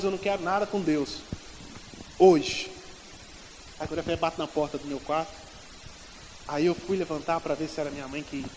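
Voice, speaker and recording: A high-pitched man with a Brazilian Portuguese accent preaches in a church, telling stories and acting out the dialogue of the people in them. His voice rings with a long hall reverb over a faint background hiss. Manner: storytelling, acting out quoted dialogue with shifting loudness. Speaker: pastor. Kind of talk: sermon.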